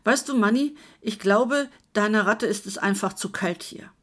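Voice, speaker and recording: A woman's voice: medium pitch, normal speed, a bit bright, close to an everyday voice. Woman doing a stern, exasperated old man. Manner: scolding, raised voice over noise.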